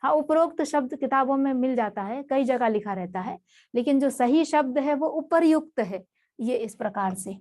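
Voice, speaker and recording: A woman's voice: sits high, expressive, moderate pace, darkish tone. A woman teaching a spelling lesson for exam students. She goes through it word by word and repeats each term patiently.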